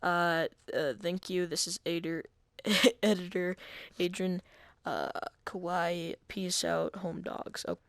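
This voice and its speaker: A man's voice: high voice, fairly even intonation, takes it slowly, vocal fry, few pauses, fairly bright tone, smooth. A man talking through a casual screen-recorded game tutorial, hesitant and self-deprecating, with many fillers and restarts.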